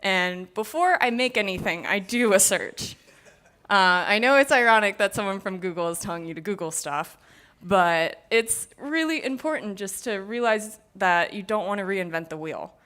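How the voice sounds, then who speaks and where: A woman's voice: medium pitch, normal speed, fairly bright tone. A young woman giving a casual conference talk on VR design, speaking into a stage mic and filling her sentences with "like.". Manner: casual, filler-heavy, many "like"s.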